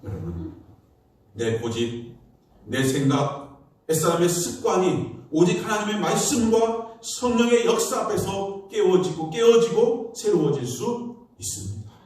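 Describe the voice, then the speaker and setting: A male pastor preaches a Sunday sermon, with a somewhat high voice and a lively, swinging pitch. He tells stories and acts out the people in them. His voice rings through a big, echoing church hall and sounds distant from the mic. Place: church sanctuary.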